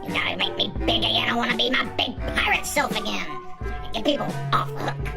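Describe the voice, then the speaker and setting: A woman's voice: fairly high pitch, animated, fast talker, gravelly. Student skit: a woman as a grumbling tiny pirate captain, fed up and whiny. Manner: whiny, complaining. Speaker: student actor. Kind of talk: school video comedy skit. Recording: loud music underneath.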